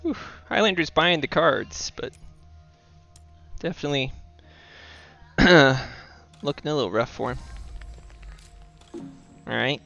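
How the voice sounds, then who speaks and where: A young man from the US East Coast streams himself playing a board game, relaxed as he talks through his moves and reads viewers' chat aloud. His voice is fairly high, slow, and gravelly, with long pauses. The recording is muffled, with soft music in the background.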